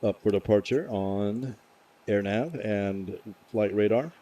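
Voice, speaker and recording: A man giving casual, unhurried live commentary as a plane spotting host, rambling through explanations. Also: fairly low pitch, dark tone. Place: outdoors near airport runways.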